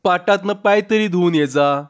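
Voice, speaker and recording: A woman's voice: on the low side, normal speed, clear, resonant tone, dull audio, pitched above the performer's own voice, lightly acted. A man voicing a playful young village wife who teases her husband. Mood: teasing.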